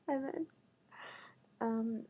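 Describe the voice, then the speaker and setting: A woman vlogger casually telling a dating story, chatty and full of fillers, quoting others in a higher voice. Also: a little mellow, breathy edge. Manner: chatty, filler-heavy, quotes others in raised voice. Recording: tinny phone-like lo-fi audio.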